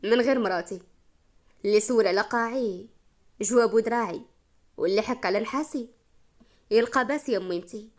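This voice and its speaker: A stern Moroccan man in his thirties, put on by a woman narrator, his words heavy and weighty. He sits a touch lower than her usual pitch, firm and deliberate in a storybook reading. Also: natural voice. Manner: deep, heavy, weighty delivery.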